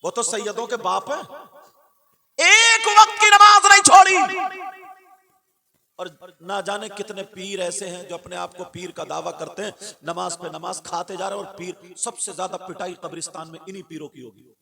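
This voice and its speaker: High-voiced man preaching with fiery swings. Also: fairly even intonation, gravelly. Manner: swings from loud chanted exclamations to quick chuckling asides. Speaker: Islamic preacher. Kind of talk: impassioned sermon to a gathering. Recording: crowd noise from a live gathering.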